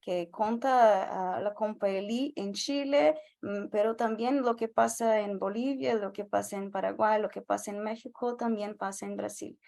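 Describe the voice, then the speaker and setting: A woman's voice: mid-range voice, steady tone, normal speed, gravelly, hardly any pauses, darkish tone. A woman from Brazil, a native Portuguese speaker with a Brazilian accent, giving a panel talk carefully and searching for words. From northeastern Brazil. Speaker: invited activist speaker. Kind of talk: panel talk in a second language.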